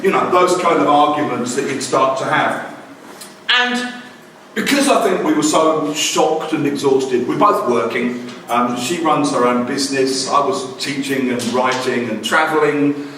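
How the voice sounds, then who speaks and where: A man in his forties, a language teacher whose first language is English, tells a wry, self-deprecating personal story about family life. He has a medium-pitched, fairly bright voice and a measured pace. The room is very echoey, the mic is distant, and there is slight background noise.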